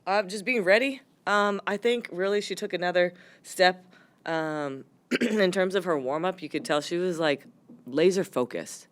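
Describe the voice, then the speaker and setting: A woman head coach answering post-game press questions, her voice hoarse from yelling, speaking candidly with lots of fillers. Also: on the low side, normal speed. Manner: candid, rambling with frequent fillers.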